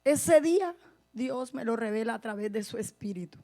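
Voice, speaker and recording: A woman pastor giving her testimony in a sermon, speaking to her listeners directly and swinging between hushed and forceful delivery. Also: a little high, animated, normal speed.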